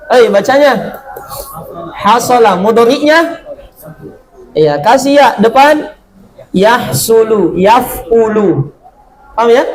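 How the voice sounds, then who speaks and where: A man teaching an Arabic grammar lesson, drilling verb patterns and answering his own questions, drawing out each Arabic word slowly. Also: very high-pitched, slight background noise, poor audio. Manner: slow, drawn-out reading of Arabic words. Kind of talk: classroom lesson.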